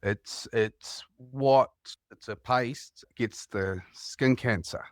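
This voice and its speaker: Speaking very slowly in a medium-pitched voice, a male caller from New Zealand spins rambling stories and laughs along the way. He has a New Zealand accent, and the chat is casual, captured as a dry, studio-quality recording.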